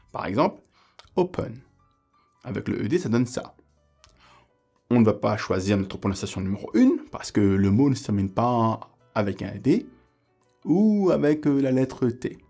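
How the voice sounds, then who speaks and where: Mellow-voiced French teacher from Réunion. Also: male voice, mid-range voice, husky. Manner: explains step by step, repeats example words slowly. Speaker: English teacher. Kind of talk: video lesson.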